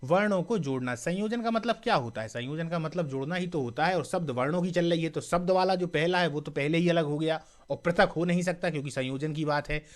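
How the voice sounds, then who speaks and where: A man teaching a mock exam class, reading each question and its options aloud, repeating them, asking viewers for the answer and often checking "clear?". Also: fairly high pitch, fairly quick, few pauses. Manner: checks understanding with a frequent "clear?"; addresses viewers as friends.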